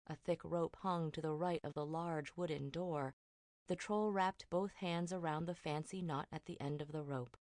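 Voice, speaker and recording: A woman narrating a fairy tale audiobook in a measured storytelling manner on a close studio mic. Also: low-pitched, a little mellow, dry recording. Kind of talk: scripted narration.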